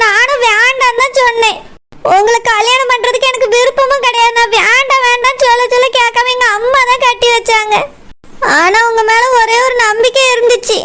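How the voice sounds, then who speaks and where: Against a noisy background, a woman with an extremely high-pitched voice plays a tearful young wife in a cartoon, speaking with a Kanyakumari Tamil accent. She cries and pleads as she defends her mother.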